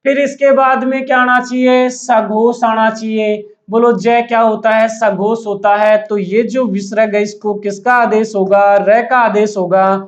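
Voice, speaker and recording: A man's voice: high-pitched, level tone, measured pace, few pauses. A man teaching a grammar lesson to a class, asking questions and answering them himself and repeating the key words. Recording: dull, echoey room recording.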